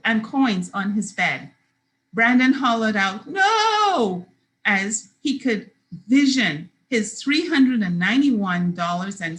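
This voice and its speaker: A woman's voice: fairly high pitch, a bit bright, poor audio. A woman reading her children's book aloud, giving the characters their own voices. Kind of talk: expressive storybook read-aloud.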